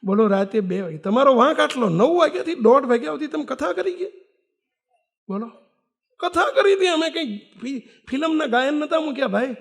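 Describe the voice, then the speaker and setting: A man's voice: extremely high pitch, moderate pace, gravelly. An older man, a monk, preaching a sermon and telling a story, acting out the voices of the people in it. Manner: animated storytelling, acts out quoted voices.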